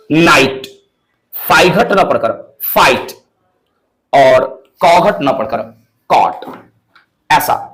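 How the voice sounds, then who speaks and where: A man teaching English pronunciation in a lesson, repeating words slowly and calling the viewers brother and friend. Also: medium pitch, rough recording. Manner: slow, repetitive, addresses viewers as brother and friend.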